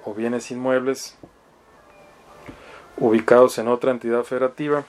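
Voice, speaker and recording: In a medium-pitched, somewhat mellow voice, a man with a Mexican accent from Mexicali in northern Mexico reads legal articles aloud and comments on them. He lectures as a law professor, teaching in a hesitant way and frequently tacking on little questions to check for agreement.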